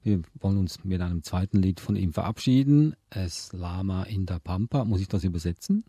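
A man hosting a radio program, chatting in a relaxed way and asking his co-host questions. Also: sits low, fairly quick, slightly rough, dry recording. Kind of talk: radio chat and sign-off.

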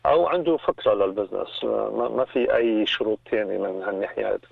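A man, heard over a phone line on a radio show, explaining small business advice in a measured way with hesitant restarts and English terms. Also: fairly low pitch, vocal fry, husky, dry recording. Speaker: small business advisor, interview guest. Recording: tinny dry phone line.

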